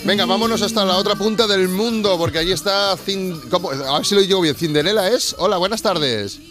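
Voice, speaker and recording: A man's voice: high-pitched, fairly quick, a bit bright, soft background music. A man hosting a comedy radio show, playful and ironic, playing along with callers. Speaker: radio host.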